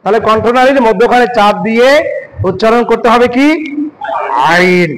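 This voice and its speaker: A male teacher giving a slow pronunciation lesson, asking the class questions and repeating letter sounds again and again. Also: extremely high pitch, steady tone, background noise. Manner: repeats letter sounds many times in a row. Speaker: Quran teacher.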